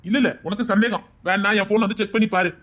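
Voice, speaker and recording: A man's voice: high-pitched, steady tone, fast talker, fairly bright tone. A man playing a coaxing Tirunelveli blackmailer. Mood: sweet-talking. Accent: Tirunelveli Tamil. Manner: coaxing, insistent, keeps asking 'understand?'. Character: smooth-talking young man, manipulative, greedy blackmailer. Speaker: scheming boyfriend on a phone call. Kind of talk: web drama acting.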